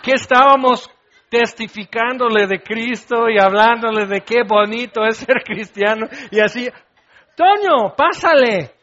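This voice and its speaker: Animated, high-voiced preacher man. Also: normal speed, highs cut off, slight background noise. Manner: animated, acts out scenes with shouts and laughs. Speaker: pastor. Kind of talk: sermon.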